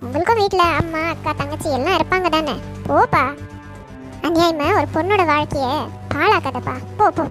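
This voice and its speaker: A very high-voiced scheming aunt in a Tamil cartoon, voiced by a woman, scolding and bossy. Clear music plays under her voice. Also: a little fast, a bit bright.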